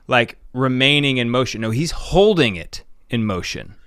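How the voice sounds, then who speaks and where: A man's voice: mid-range voice, very animated, moderate pace, a bit bright, smooth, no room sound, studio quality. A man co-hosting, casually agreeing and adding eager follow-up thoughts. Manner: affirming, eager follow-ups. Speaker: podcast co-host. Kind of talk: casual chat.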